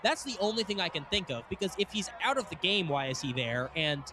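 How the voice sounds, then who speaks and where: High-voiced guy doing hockey play-by-play, excited, laughs a lot, noisy arena mic. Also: brisk. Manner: excitable, laughs often, thinks aloud. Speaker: play-by-play commentator. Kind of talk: live hockey commentary. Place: ice arena broadcast booth.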